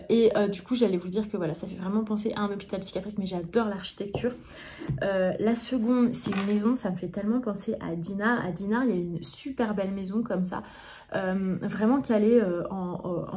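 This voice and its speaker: Tired, chatty young Frenchwoman with a mellow voice. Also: medium pitch, a little hiss or hum. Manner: chatty, with frequent hesitations and restarts. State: tired, yawning. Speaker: book vlogger. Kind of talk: casual chat to camera. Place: home, indoors in the evening.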